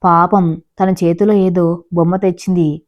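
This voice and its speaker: A woman's voice: fairly low pitch, level tone, measured pace, lo-fi sound, close to an everyday voice. Woman voicing a sly wealthy old patriarch.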